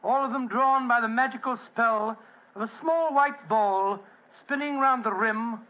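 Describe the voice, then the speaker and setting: An actor playing a genial, fussy older English doctor, narrating and acting in an old-time radio drama. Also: male voice, extremely high pitch, measured pace, phone-quality sound. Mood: genial, storytelling. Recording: thin, band-limited vintage radio recording.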